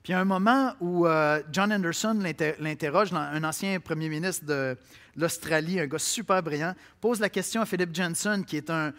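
A man preaching a sermon with a Québécois accent, speaking to listeners directly and swinging between loud declarations and quiet asides. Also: fairly high pitch, normal speed. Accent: Québécois French. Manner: conversational, addresses listeners directly.

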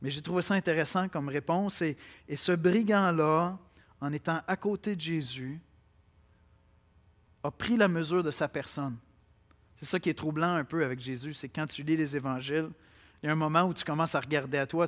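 A man preaching a sermon with a Québécois accent, speaking to listeners directly and swinging between loud declarations and quiet asides. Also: on the high side, fairly quick. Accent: Québécois French. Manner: conversational, addresses listeners directly.

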